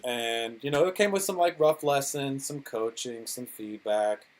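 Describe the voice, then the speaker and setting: A man's voice: medium pitch, unhurried, low-quality recording. Loose, swearing male DJ telling stories. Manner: rambling storyteller, swears freely. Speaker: podcast guest, DJ and producer. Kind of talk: casual interview chat.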